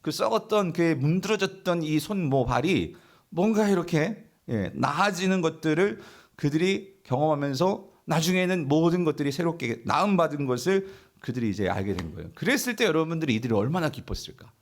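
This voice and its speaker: Lively-voiced male pastor preaching. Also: on the high side, a little fast. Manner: asks the congregation questions and answers them; acts out imagined grumbling voices of the people in the story. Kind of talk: sermon.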